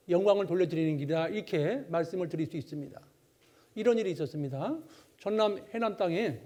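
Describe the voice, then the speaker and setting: High-voiced animated preacher man. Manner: animated, acts out the people in his stories. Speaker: Bible lecturer. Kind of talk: sermon with storytelling.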